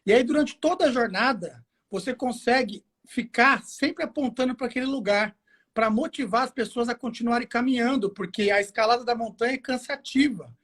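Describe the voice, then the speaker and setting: A man's voice: very high-pitched, a little fast, fairly bright tone. Casting: male Brazilian guest expert, informal and slangy, explains through self-answered questions. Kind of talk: casual explanatory chat. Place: home garage.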